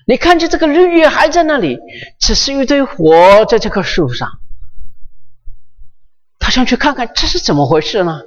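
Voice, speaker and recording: A preacher in a large church hall retells a scripture story with a lively, rising and falling voice and sudden hushed drops. The recording is dull and lo-fi, with a long reverb trailing each phrase. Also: normal speed, pauses often. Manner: animated, pitch swinging high and low, drops to near-whisper for emphasis. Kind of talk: sermon storytelling.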